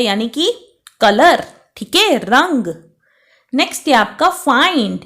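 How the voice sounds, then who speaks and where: Slow, high-voiced woman teaching vocabulary. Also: a bit bright. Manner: spells words letter by letter, keeps asking "ठीक है?" with a rising tone. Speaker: English teacher. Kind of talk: explaining vocabulary lesson.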